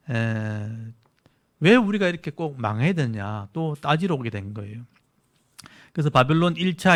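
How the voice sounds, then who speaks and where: Slightly high-voiced male pastor preaching. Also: a bit bright. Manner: conversational, explanatory preaching with filler "eh". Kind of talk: sermon. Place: church.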